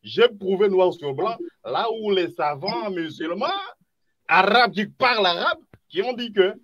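A man's voice: high-pitched, animated, a little slow, dull audio. A man debating, agitated and interrupting, stammering as he pushes back. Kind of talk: heated debate.

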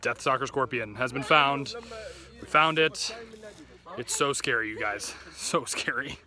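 A man's voice: mid-range voice, a little slow, sharp tone. A man hosting a casual outdoor vlog, joking and exclaiming as he goes. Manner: jokey, easily spooked, exclaims often. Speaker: vlogger host. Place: outdoors in rocky desert camp.

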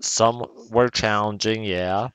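Slangy New guy gaming, low voice. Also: fairly even intonation, slow pace, a bit bright, smooth, no room sound. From New York. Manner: slangy, profane, rambling. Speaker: let's play gamer. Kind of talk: casual gameplay commentary. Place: at home.

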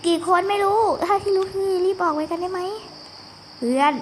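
A young girl with a high voice chats casually through a video game as its host. She exclaims often and speaks straight to her viewers. The recording has clear background noise. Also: brisk. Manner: chatty, exclaiming, talks to viewers. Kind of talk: casual live game commentary.

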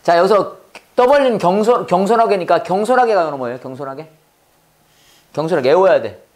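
Teacher drilling bible english call-and-response, voice jumps up and down a lot, repeats stuff slow. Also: mid-range voice, animated, a little mellow. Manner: quizzing, repeats phrases slowly for learners.

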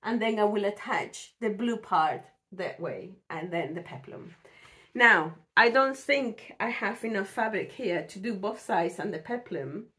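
A woman sewing vlogger, hoarse from a cold, chatting casually about her projects in a rambling way with fillers and restarts. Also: medium pitch, animated, unhurried, fairly bright tone. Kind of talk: casual chat.

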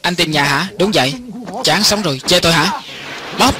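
A man reading every part of a film as a voice-over, in an even and lightly acted way. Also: fairly high pitch, moderate pace, noisy background. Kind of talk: lector voice-over reading all parts.

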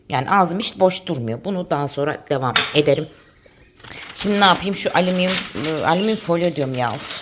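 A woman from Turkey in her thirties talks to the camera in her kitchen. Her pitch sits low but swings widely as she chats. There is faint household noise, with a dog, in the background. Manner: chatty, talks to her dog in a high teasing voice. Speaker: vlogger. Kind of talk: casual home vlog chat. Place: home kitchen.

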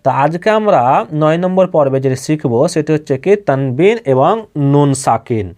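A man teaching Quran reading, slowly spelling out each syllable and patiently repeating it twice. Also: on the high side, darkish tone. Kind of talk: slow spelling-out recitation lesson.

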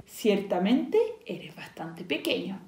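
A woman voicing a hungry, sly fox in a read-aloud storybook, slow and gloating. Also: mid-range voice, very animated, a little mellow. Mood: gruff. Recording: echoey room.

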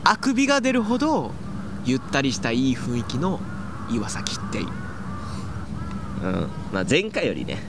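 A man's voice: medium pitch, wildly swooping pitch, normal speed, pauses often, noisy background. A man with a Tosa accent bantering playfully on a radio show. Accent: Tosa dialect of Kochi. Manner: playful, laughing. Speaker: radio host. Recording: music bed under the talk.

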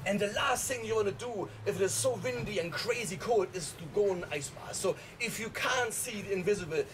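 A middle-aged man speaking while sitting in ice cold water, giving emphatic, repetitive motivational exhortations to the camera like a vlog host. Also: sits high. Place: outdoor balcony, inside a tub of ice water.

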